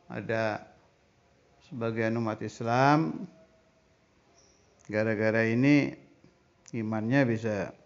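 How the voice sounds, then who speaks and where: A man leading a Ramadan study lesson, reading Arabic passages slowly and then explaining each one in plain everyday speech. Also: fairly low pitch, creaky, muffled recording. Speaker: religious teacher.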